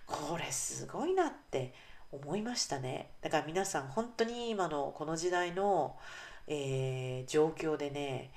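Woman podcast host and English coach, low voice, casual solo chat. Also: animated, measured pace. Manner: chatty, warm asides with frequent "ne" and fillers.

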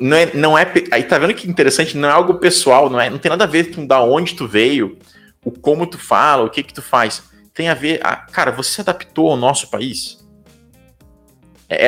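A young Brazilian man with a medium-pitched, slightly bright voice speaks with a Brazilian Portuguese accent. He talks casually as an interview guest, leaning on fillers like "cara" and "tipo".

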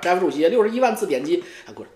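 Crude, excitable man streaming. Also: rapid-fire, a little hiss or hum. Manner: crude, teasing, swears freely; excitable with sudden loud high outbursts. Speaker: YouTube streamer. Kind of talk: rambling comedic monologue. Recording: echoey room.

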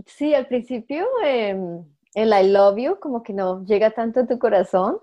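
A woman sharing her experience in a casual group chat, relaxed and reflective. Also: a little high, moderate pace, dull audio. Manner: relaxed, reflective, mixes in English phrases.

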